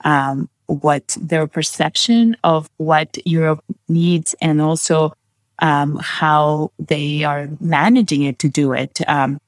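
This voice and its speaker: A guest from Peru speaking in a casual interview, enthusiastic and warm, with frequent fillers and restarts. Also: medium pitch, flat delivery, slow pace, no room sound, clean studio sound.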